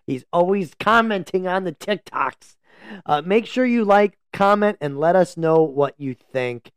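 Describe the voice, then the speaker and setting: Male sports podcast co-host, casual and joking, slightly raised pitch, dry close mic. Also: animated, a little slow, clean tone, no echo. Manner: meandering, joking sports analysis. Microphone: podcast microphone.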